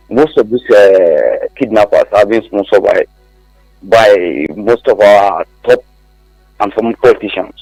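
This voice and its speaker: A man's voice: on the low side, darkish tone, no room sound, poor audio. A man calling in to a radio show, rambling and hesitant. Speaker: caller. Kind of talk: call-in comment.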